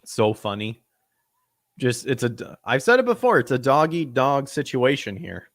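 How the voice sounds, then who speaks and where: His mid-range voice has a sing-song lilt at normal speed, recorded in the studio without echo. Reading news aloud on his podcast, he mocks each item with sarcastic asides, laughs at his own gags and trips over his words.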